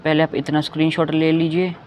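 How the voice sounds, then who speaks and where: A man's voice: on the high side, completely flat delivery, brisk, a little mellow. A man teaching a lesson, patiently repeating each sound and often checking that listeners follow. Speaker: Hindi teacher. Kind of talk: slow explanatory lesson. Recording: dull lo-fi recording with faint background noise.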